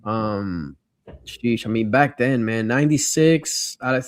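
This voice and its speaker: A middle-aged American man from Miami hosts a livestream, reading viewer comments in a casual, slangy, nostalgic way. His voice sits in the mid-range and moves at a slow pace. There's no room sound.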